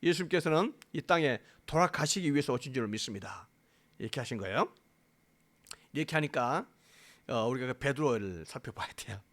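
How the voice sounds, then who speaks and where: A man's voice: medium pitch, lively intonation, a little fast, fairly bright tone. A man preaching a sermon to his congregation as pastor, speaking emphatically, asking them questions and acting out quotes. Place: church sanctuary.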